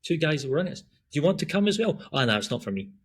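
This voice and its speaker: Racing along with big pitch swings and a slightly high voice, a middle-aged Glaswegian podcast guest talks over slight background noise. A breath work and running coach with a Scottish accent, he's rambling and easygoing, forever restarting and saying um.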